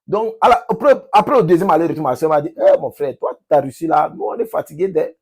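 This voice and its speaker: A man from Cameroon with a Cameroonian French accent, talking casually to his subscribers in an emphatic, repetitive, halting way. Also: a little high, lively intonation, creaky, a little mellow, slightly rough. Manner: emphatic, repeats phrases, halting with restarts. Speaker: vlogger, language teacher.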